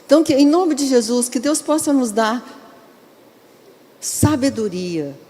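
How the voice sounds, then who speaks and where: A woman's voice: sits high, animated, a little slow, dark tone. Woman preaching in a reverberant church. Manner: earnest and exhorting, with direct questions to the congregation. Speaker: bishop and pastor. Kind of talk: sermon. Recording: long reverb of a large hall.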